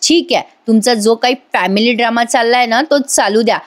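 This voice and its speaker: A woman's voice: on the high side, fairly quick, natural voice. A woman quoting a haughty young woman who brushes off a family quarrel. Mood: dismissive. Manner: bored, dismissive.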